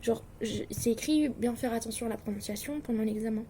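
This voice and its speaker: This distance-learning student vlogger, a Swiss woman in her late teens, talks casually to the camera about her coursework, nervous, self-mocking and full of hesitations and fillers. Her voice is on the high side, brisk and dark, with a little hiss or hum underneath.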